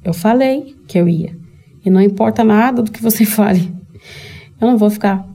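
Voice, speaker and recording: Brazilian woman, vlog host; warm, soft tone, candid and emotional, talks straight to her audience. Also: mid-range voice, moderate pace. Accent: Brazilian Portuguese. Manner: candid, emotional, speaks directly to viewers. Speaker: channel host. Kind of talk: personal storytelling vlog.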